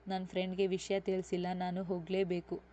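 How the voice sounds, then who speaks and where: A woman's voice: lowish voice, completely flat delivery, fairly quick, dark tone, natural voice. A woman voicing a curt, evasive young husband. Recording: dull lo-fi recording.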